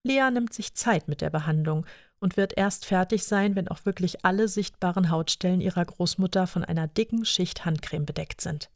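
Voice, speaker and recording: A woman narrating a story in a calm, measured reading voice. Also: fairly low pitch, no echo, studio quality.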